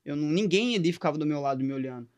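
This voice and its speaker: A young man with a Minas Gerais accent chats on a podcast as a guest tattoo artist, spinning stories in loose slang. He talks quickly in a slightly raised voice, recorded dry and close. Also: fairly high pitch, expressive, no echo. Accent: Minas Gerais Portuguese. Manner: slangy storytelling. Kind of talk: casual podcast chat.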